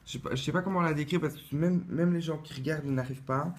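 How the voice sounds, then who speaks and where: A man's voice: fairly high pitch, fast. A man talking casually to camera as he unboxes a replica wand, chatty and hesitant, with lots of fillers and restarts. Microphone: camera mic, close-up.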